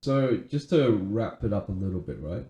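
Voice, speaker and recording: Earnest male podcast co-host, low and very mellow, roomy echo. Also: very animated, normal speed. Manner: earnest, many restarts and "right?" tags. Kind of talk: casual chat.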